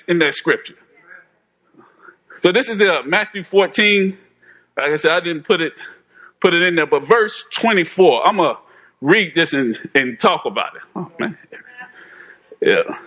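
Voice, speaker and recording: High, bright-voiced preacher man. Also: animated, moderate pace, pauses often, poor audio. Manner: conversational, folksy, repeats phrases, chuckles. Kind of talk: informal sermon.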